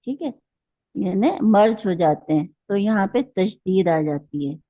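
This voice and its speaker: A woman's voice: mid-range voice, lively intonation, a little slow, no echo. A woman teaching a Quran recitation class, patiently explaining rules step by step and asking her students questions. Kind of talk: online class lecture. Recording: tinny phone-like line.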